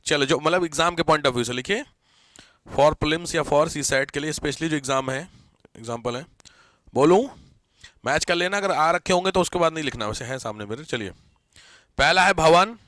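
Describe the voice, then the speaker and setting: A man's voice: a little high, normal speed, pauses often, dry recording, studio quality. A man teaching a live grammar class, quizzing and teasing his students as he goes. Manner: lively, teasing, questions students often.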